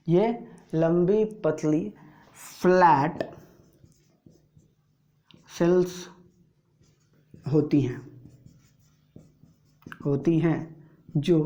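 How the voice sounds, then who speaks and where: A man's voice: fairly high pitch, mellow, dull audio. Indian man teaching a board lesson. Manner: explains slowly, drawing as he speaks, keeps checking understanding. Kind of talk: board lesson for school students.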